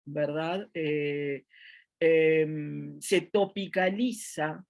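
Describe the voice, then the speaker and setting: A woman's voice: deep voice, fairly even intonation, very slow, creaky, a little mellow. A middle-aged woman with a Uruguayan accent teaching a grammar lecture from home, thinking aloud with many fillers and restarts. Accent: Uruguayan Spanish. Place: at home, seated in a chair.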